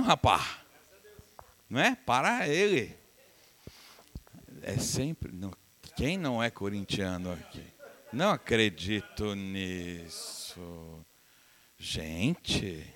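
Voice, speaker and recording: At a medium pitch, a middle-aged pastor from Brazil preaches through stories. Animated throughout, he imitates the voices of the people he quotes and laughs together with his congregation.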